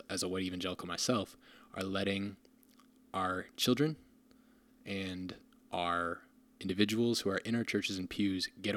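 Deep-voiced pastor guy, earnest, lots of restarts mid-sentence. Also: a bit bright. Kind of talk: conversational podcast interview.

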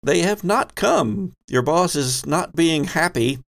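Acting as game master and host of a tabletop role-playing show, a man narrates scenes and explains rules conversationally. His fairly high voice is creaky and slow, with lively intonation.

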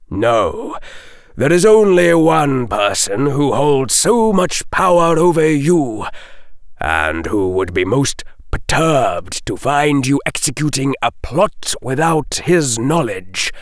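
Guy doing a snooty sarcastic professor for an audiobook, slow mocking drawl, pitch goes all over the place. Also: dry recording, clean studio sound, heavily acted. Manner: mocking, drawling, sharply emphatic. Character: sardonic, condescending male defense professor, theatrically articulate.

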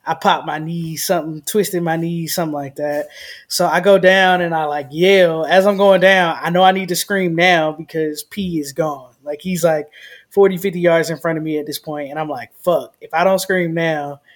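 A woman's voice: sits low, steady tone, moderate pace. A woman co-hosting a travel vlog, telling a story bluntly, swearing freely and acting out what people said. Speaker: vlog co-host. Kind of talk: casual storytelling.

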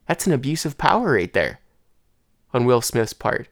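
A man's voice: medium pitch, big pitch swings, moderate pace, dry recording, clean studio sound. A young man with a congested throat and head, hosting a casual solo podcast in a rambling, conversational way. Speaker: podcast host.

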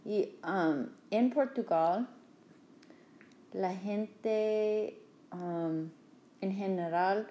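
Female podcast host, unhurried and mellow, faint room noise behind. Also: mid-range voice. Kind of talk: casual podcast conversation.

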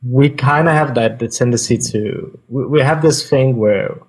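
A man in his thirties from Denmark, a guest on a video-call podcast, talking in a relaxed, rambling way. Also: mid-range voice, a little slow, husky. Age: 30s. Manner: relaxed, rambling, many fillers. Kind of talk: casual podcast chat.

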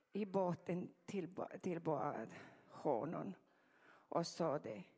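A woman's voice: medium pitch, darkish tone. Earnest woman preaching in an echoey hall. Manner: earnest, punctuated with "amen". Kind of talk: sermon with Bible reading. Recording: echoey hall with long reverb.

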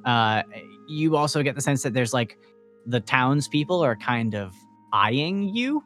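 A man's voice: mid-range voice, expressive, measured pace, fairly bright tone, faint music behind. A man running a tabletop game as game master, narrating casually with many fillers and restarts.

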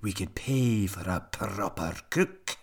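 Bossy pirate captain, storybook, loud orders, slow; a man reads it. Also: deep voice, animated, vocal fry, breathy edge, exaggerated voice.

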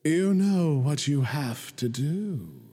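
An actor playing a smug, scheming male puppet-master in a video game, grandiose and taunting, with a breathy voice. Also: on the high side, expressive, slow pace, dark tone, big-room sound, heavily acted. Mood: mocking. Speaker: villain.

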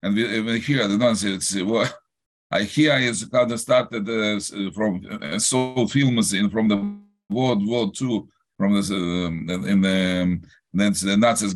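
An older man with a Russian accent, a rabbi answering interview questions haltingly in a non-native language, searching for words and restarting often. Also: fairly low pitch.

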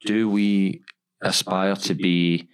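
A man's voice: sits low, little pitch movement, slow, clean tone. A man hosting a podcast, talking about running a practice in long, emphatic runs with many repeated words. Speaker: podcast host, dental practice owner. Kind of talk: casual podcast discussion.

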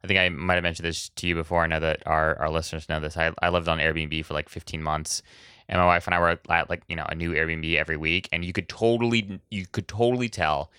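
Deep, crisp-voiced male podcast host. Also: fairly even intonation, fast, sharp tone, no echo, clean studio sound. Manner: rambling questions full of "like" fillers. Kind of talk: casual interview.

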